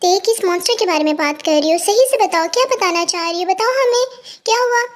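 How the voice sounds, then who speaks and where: A woman's voice: very high voice, fast. A woman voicing a protective young male mafia boss who fires off demanding, threatening questions in a fan fiction story. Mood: incredulous.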